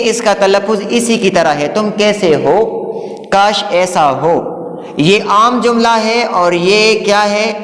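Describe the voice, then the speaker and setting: A man teaching Urdu grammar at a board, reciting examples and verse slowly and saying "look" again and again. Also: sits high. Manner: repeats "dekhiye" to point at the board. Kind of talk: classroom lecture at a board. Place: classroom. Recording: echoey classroom with long reverb.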